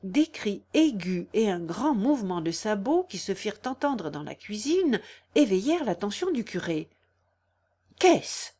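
An audiobook narrator, a woman with a medium-pitched voice, reads a novel aloud from the script in a steady, measured manner.

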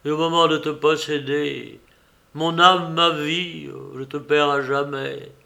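A man's voice: a little high, steady tone, takes it slowly, creaky, pushed and bright, full character voice. A man reading a tormented young lover. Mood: anguished. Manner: impassioned, pleading declamation. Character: desperate young male lover, tormented and dramatic.

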